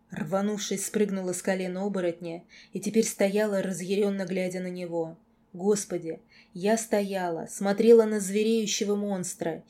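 A woman reading a first-person novel aloud as audiobook narrator, in an expressive, emotional way. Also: mid-range voice.

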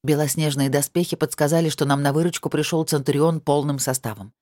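A woman reading a first-person fantasy novel aloud in an even, measured storytelling manner. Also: low-pitched, dry recording, studio quality. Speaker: audiobook narrator.

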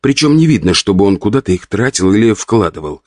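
A man reading an audiobook, voicing an indignant, sharp-tongued countess of about forty. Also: on the low side, very animated, brisk, no echo, clean studio sound, voice pushed up. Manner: huffy, pleading, indignant.

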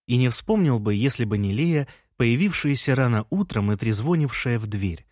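A man reading a story aloud in a calm, first-person narration. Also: medium pitch, moderate pace, no echo, clean studio sound. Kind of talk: audiobook narration.

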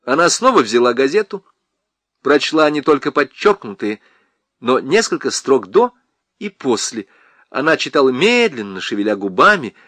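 A man's voice: medium pitch, big pitch swings, moderate pace, fairly bright tone, dry recording. A man reading an audiobook aloud with theatrical expression on a close studio mic. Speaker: audiobook narrator. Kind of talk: scripted audiobook narration.

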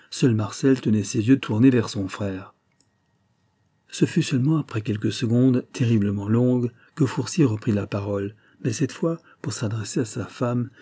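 A man narrating a classic novel as an audiobook in a measured, even manner. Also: medium pitch, breathy edge.

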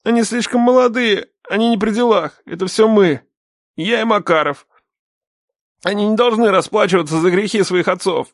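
A frightened middle-aged captive, as a male narrator puts him on, stammering and pleading in a high, strained voice. His words tumble out in a panic. It sounds like a close, dry audiobook recording with no room echo. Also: moderate pace. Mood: desperate bargaining.

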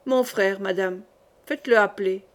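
A woman's voice: mid-range voice, normal speed, close to an everyday voice. A woman reading the part of a dying young king, grave, solemn and commanding.

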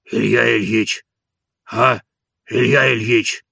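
A man's voice: medium pitch, takes it slowly, gravelly, pushed and bright, husky, dry recording, clean studio sound, full character voice. A man voicing an old, stubborn manservant who scolds and coaxes in a folksy way. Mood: grumbling.

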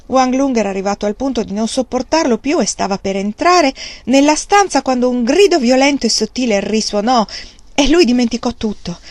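A woman's voice: a little high, dry recording. Woman reading a novel aloud. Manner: measured, expressive reading. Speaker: reader of a novel. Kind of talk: audiobook narration.

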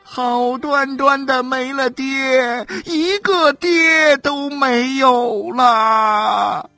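A shrill wailing mother. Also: sharp tone, dry recording, faint music behind, exaggerated voice. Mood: wailing lament. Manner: sobbing, drawn-out lament. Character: wailing wronged mother, shrill and self-pitying. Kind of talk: audiobook character voice.

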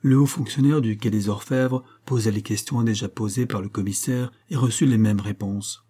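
A man reading a story aloud in measured narration, raising his voice for the characters' quoted lines. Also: on the low side, steady tone, warm tone, breathy edge. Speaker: audiobook reader. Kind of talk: scripted narration.

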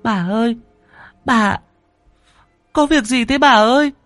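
A man voicing a frightened little girl who cries out in a shrill, whimpering falsetto. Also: slow pace, a bit bright, no room sound, soft background music, exaggerated voice.

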